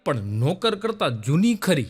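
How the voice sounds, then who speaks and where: A man voicing a fed-up middle-aged husband in a joke, complaining in a deadpan way. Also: on the high side, measured pace, breathy edge, big-room sound, faint music behind, pitched below the performer's own voice, exaggerated voice. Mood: grumbling.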